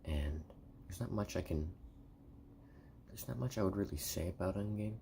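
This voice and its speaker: Hushed, very deep-voiced man rambling in ASMR. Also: expressive, a little hiss or hum. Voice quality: hushed, soft, breathy voice slipping into whisper. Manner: rambling, halting, repeats and rephrases himself. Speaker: video reviewer. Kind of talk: soft-spoken ASMR ramble, partly whispered.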